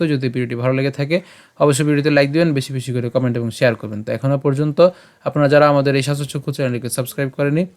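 A man teaching how to pronounce scripture verses, breaking words into syllables and chanting them slowly. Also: mid-range voice. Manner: slow, syllable-by-syllable drilling of verses. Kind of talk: slide-based pronunciation lesson.

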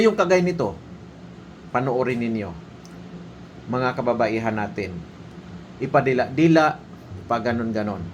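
A Filipino man with a medium-pitched voice delivers opinion commentary. He is emphatic and scolding, pressing his points with rhetorical questions. A faint air-conditioner hum sits behind him. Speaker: military training officer giving commentary.

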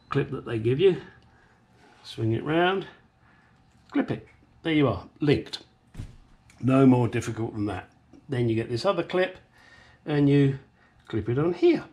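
A middle-aged man from England with an English accent hosts a garage how-to channel, giving a casual hands-on demonstration in a small garage workshop. He is blunt, joking, and sweary, with a medium-pitched, slightly mellow voice. The recording is clear, with ambient workshop noise.

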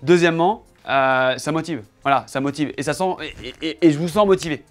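A man with a voice pitched a touch high talks to camera in loose, joking chat. He shows off his new setup from his home office indoors. He keeps up a playful, teasing back-and-forth with his cameraman. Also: a little fast. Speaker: YouTuber showing his desk setup.

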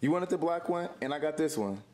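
Young man, casual prank vlogger; pleading, repetitive, very lively pitch, noisy phone sound. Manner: pleading, repeating himself fast. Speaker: prankster boyfriend.

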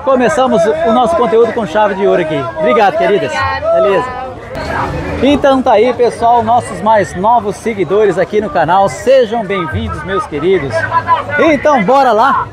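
At normal speed and in a high, expressive voice, a Brazilian man hosts a vlog as he strolls an outdoor street market. He addresses viewers directly with casual enthusiasm over the noise of the crowd and vehicles.

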